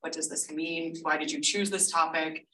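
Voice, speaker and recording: A woman's voice: deep voice, level tone, moderate pace, pushed and bright. A woman in her twenties, a senior thesis student, explaining her research in a friendly, casual way. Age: 20s. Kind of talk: casual info session talk. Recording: echoey room, far from mic, faint noise.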